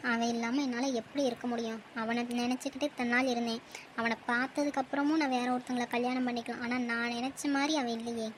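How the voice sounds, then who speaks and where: A woman voicing a tearful young bride-to-be in a cartoon, talking softly and troubled. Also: fairly high pitch, flat delivery, quick pace, slight background noise, natural voice. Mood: sorrowful. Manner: soft and troubled. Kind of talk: cartoon voice acting.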